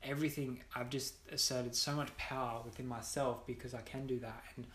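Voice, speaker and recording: A man's voice: mid-range voice, fairly even intonation, fairly quick, a bit bright. A young man, a podcast guest, telling a personal story candidly, bluntly and with frequent swearing. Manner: blunt, swears freely, many restarts. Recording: roomy echo.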